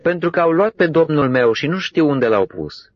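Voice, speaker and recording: A man's voice: fairly high pitch, big pitch swings, no echo, highs cut off, pitched above the performer's own voice. A man voicing a grieving woman disciple, reading her words in a raised, pleading tone.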